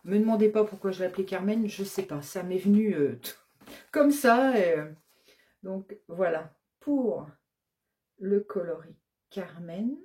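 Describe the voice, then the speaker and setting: A woman presenting her shop's new yarn colors in a relaxed show-and-tell. She talks slowly and hesitantly, listing shade after shade with plenty of fillers, in a dark, mellow voice at a middle pitch. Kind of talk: casual product show-and-tell.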